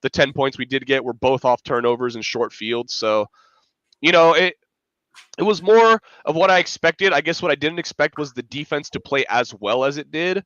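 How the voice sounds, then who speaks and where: With a fairly high, animated voice at a moderate pace, this fan analyst co-hosting a sports podcast sounds stuffed up from a cold as he rambles through casual chat, leaning on fillers and starting over often. The sound is a bit bright and echo-free but lo-fi.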